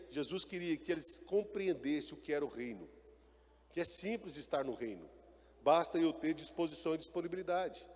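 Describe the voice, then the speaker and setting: A man preaching a sermon in a hall with long, trailing reverb. His voice sits somewhat high, and he calls for answers from the congregation before surging into loud, emphatic lines. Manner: preaching with call-and-response and rising emphatic bursts. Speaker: pastor.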